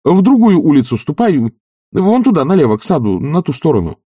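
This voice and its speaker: Man reading as a fretful nobleman in an audiobook, urgent and pleading, raised and lively, husky. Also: medium pitch, fairly quick, no echo, studio quality, pitched above the performer's own voice, heavily acted. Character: agitated idle male nobleman, anxious.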